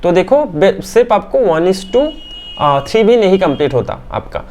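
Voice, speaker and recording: A man teaching trading as he walks through candlestick charts on screen, often checking in with his listeners and filling pauses with "aa". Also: high-pitched, very animated, a little mellow, slight background noise. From India. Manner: keeps checking in with "theek hai?"; talks through hesitations with "aa" fillers. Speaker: stock market teacher.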